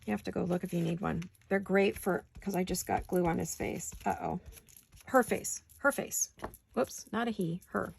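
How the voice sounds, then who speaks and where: A woman's voice: fairly low pitch, steady tone, fairly quick, vocal fry, few pauses, a little mellow, a little hiss or hum. A woman hosting a crafting video, chatting casually and talking to herself as she works. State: hiccups. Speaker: crafting channel host. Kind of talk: casual crafting chat while working.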